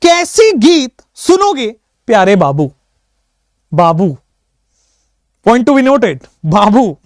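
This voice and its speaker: A male chemistry teacher with a high, bouncy voice that swoops up and down as he jokes with his students. He talks in a playful, teasing way and chants memory tricks in a sing-song. The sound is dry and close, with no room around it. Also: no echo. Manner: playful, teasing, mixes English phrases; lively, sing-song when reciting mnemonics. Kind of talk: casual online lecture.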